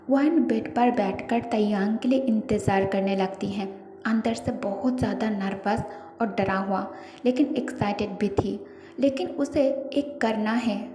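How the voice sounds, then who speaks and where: A woman narrating a story in a steady, descriptive way, recorded in a reverberant room with faint music. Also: fairly high pitch. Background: faint background music.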